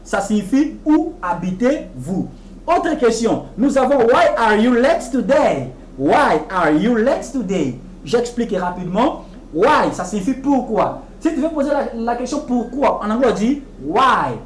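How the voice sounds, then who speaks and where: A woman giving a televised English lesson, explaining patiently and repeating each English phrase slowly and deliberately. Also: on the high side, big pitch swings, roomy sound, a little hiss or hum, poor audio. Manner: explains patiently, often checking with "ok?". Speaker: English teacher.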